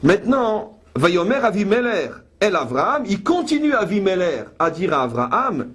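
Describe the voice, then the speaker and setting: A woman with a husky, breathy voice leads a Torah study lesson. She reads each Hebrew verse and then explains it. Her commentary is pointed and ironic. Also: medium pitch, big pitch swings, moderate pace. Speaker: Bible teacher.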